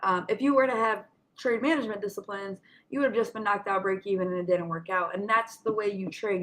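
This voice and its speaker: A woman's voice: medium pitch, fairly bright tone, slight background noise, low-quality recording. Woman trading coach with slight retainer lisp. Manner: instructive, addressing listeners directly, checking with "right?". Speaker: trading coach hosting a market session. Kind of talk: informal live chart commentary for students.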